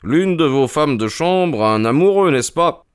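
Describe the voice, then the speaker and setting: A man voicing a calm, methodical detective who questions in a measured, inquisitive way. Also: a little high, clear, resonant tone, no echo, studio quality, pitched above the performer's own voice. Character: sharp, calm male detective, keen and methodical. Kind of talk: audiobook character reading.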